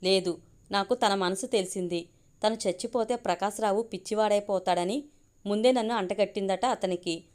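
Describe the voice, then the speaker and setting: A woman's voice: mid-range voice, normal speed, a little mellow, close to an everyday voice. A woman voicing a naive young woman who confides in her older sister, read in her own everyday voice. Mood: confiding.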